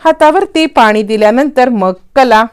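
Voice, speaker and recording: A woman with a smooth, clear voice sitting a little high tells the story of a serial episode. She quotes each character's lines with lively expression. The whole telling moves along at an even narrating pace. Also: moderate pace.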